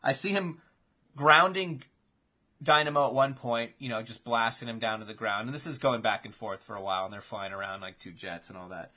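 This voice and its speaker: A man hosting a casual chat, telling imagined fight matchups in an animated, swearing play-by-play. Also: medium pitch, a little fast.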